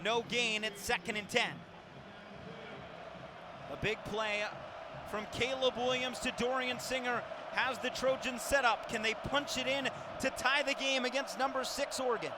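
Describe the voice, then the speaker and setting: This radio play-by-play of a football game comes from a man whose voice sits very high, with fairly even intonation and a moderate pace. He speaks in short, descriptive bursts and projects like an announcer, with loud stadium ambience behind him.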